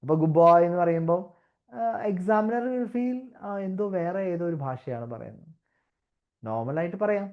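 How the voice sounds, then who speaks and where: A woman teaching English test criteria, mixing Malayalam with slow English and restarting her words as she explains. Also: lowish voice, animated. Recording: dull lo-fi audio.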